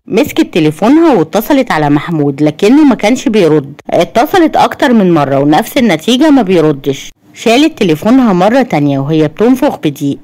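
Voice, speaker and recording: A woman with an Egyptian accent narrating a story in an expressive, animated way. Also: mid-range voice. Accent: Egyptian Arabic.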